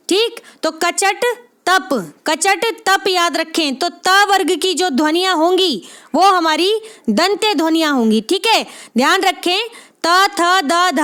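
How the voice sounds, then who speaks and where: A woman's voice: very high-pitched, fairly bright tone. A woman tutor giving a spoken exam-prep lesson, encouraging her students and checking "okay?" after nearly every phrase. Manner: spells out sounds slowly one by one. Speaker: Hindi literature exam tutor.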